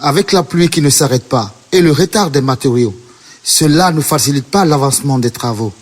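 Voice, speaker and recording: A man's voice: medium pitch, animated, a little fast, close to an everyday voice. Man acting a grumbling builder, long reverb. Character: weary, grumbling male construction worker. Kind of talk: radio drama acting.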